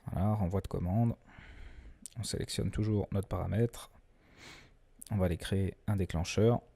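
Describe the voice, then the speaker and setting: A man presenting a screen-recorded software tutorial in a relaxed, chatty way, often hesitating and restarting his sentences. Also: sits low, moderate pace, vocal fry, breathy edge. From France. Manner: self-deprecating humor.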